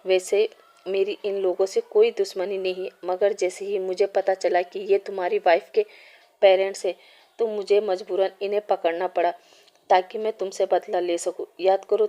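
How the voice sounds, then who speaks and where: A woman voicing a vengeful male villain in a storybook reading, in a flat, threatening tone. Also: mid-range voice, normal speed, close to an everyday voice. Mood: menacing. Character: menacing male villain seeking revenge.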